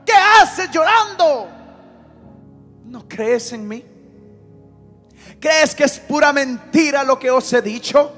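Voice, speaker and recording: A preacher voicing Jesus as a grieved, reproachful grown man who asks pleading questions and rises to shouts. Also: very high-pitched, animated, slow pace, long pauses, soft background music, heavily acted.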